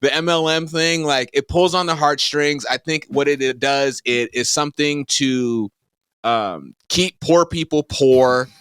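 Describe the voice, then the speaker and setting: A man's voice: a little high, measured pace, fairly bright tone, smooth, no room sound, clean studio sound. A man co-hosting a podcast, telling a story in casual chat, acting out the people he quotes and swearing freely. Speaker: podcast co-host.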